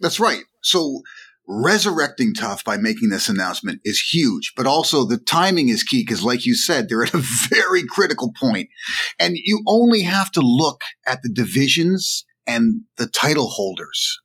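Animated, emphatic middle-aged man. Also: mid-range voice, normal speed, husky. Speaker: podcast co-host. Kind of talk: casual sports chat.

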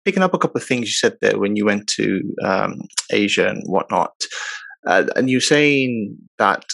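A man hosting an interview podcast, introducing the show and asking questions in a relaxed, conversational way. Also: lowish voice, moderate pace, creaky, dry recording. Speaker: podcast host.

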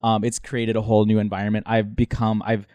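A man's voice: lowish voice, completely flat delivery, fairly quick, a little mellow, dry recording, highs cut off. Upbeat forty-year-old man, dry close sound. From born in the Philippines, raised in Minnesota. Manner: upbeat, candid, laughs easily. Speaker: guest, nightlife performer. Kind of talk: interview conversation.

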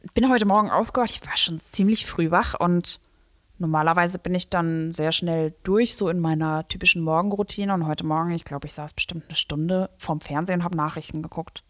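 A woman's voice: lowish voice, steady tone, brisk, dry recording, clean studio sound. A woman hosting a local newspaper podcast in casual chat, rambling and laughing often.

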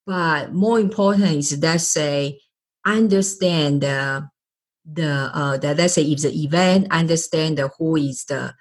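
Middle-aged woman podcast host, husky low voice, halting, keeps restarting her sentences. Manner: halting, searching for words, many restarts. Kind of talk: podcast interview.

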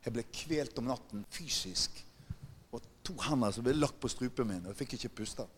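A man's voice: mid-range voice, expressive, a little hiss or hum. A man preaching a sermon, emphatic and often putting questions to the congregation. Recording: long hall reverb.

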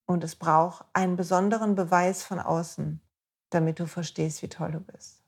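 Woman podcast host, motivational self-help talk, warm and encouraging, speaks directly to the listener. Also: on the low side, steady tone, moderate pace, breathy edge.

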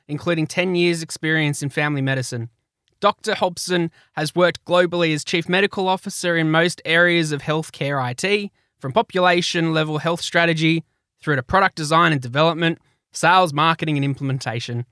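A man's voice: fairly high pitch, a little fast, sharp tone, clean tone, dry recording, clean studio sound. A man hosting a podcast in a chatty, informal, chummy way. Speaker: podcast host.

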